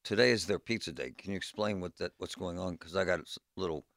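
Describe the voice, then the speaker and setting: A man's voice: low-pitched, fast talker, creaky, a bit bright, no room sound. A man co-hosting a morning radio show in a studio, boisterous and jokey as he needles his co-host. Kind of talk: casual morning radio chat.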